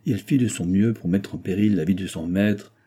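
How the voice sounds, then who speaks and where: A man narrating an audiobook in a steady, measured reading. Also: low voice, breathy edge.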